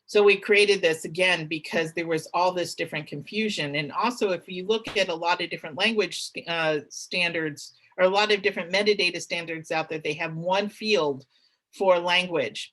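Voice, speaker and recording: A woman's voice: lowish voice, fairly bright tone. A middle-aged woman giving a webinar presentation, talking conversationally with many fillers and restarts.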